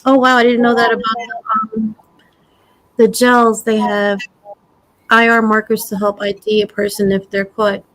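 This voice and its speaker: A woman's voice: fairly high pitch, level tone, measured pace, a bit bright, rough recording. A woman with a Brooklyn accent hosting a casual livestream, chatting in a giggly, easygoing way. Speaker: host of a live prepping stream.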